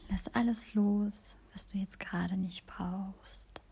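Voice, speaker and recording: A woman whispers a guided meditation in a slow, soothing hush. Her voice is dark, with a gravelly edge. Breath carries through every word. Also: medium pitch, fairly even intonation. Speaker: podcast host and meditation guide.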